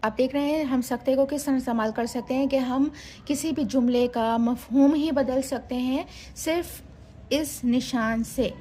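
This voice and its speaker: Slow, patient woman teaching children. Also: high-pitched, mellow, slight background noise. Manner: slow, patient, repeats example sentences with pauses. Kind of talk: home-school lesson for children.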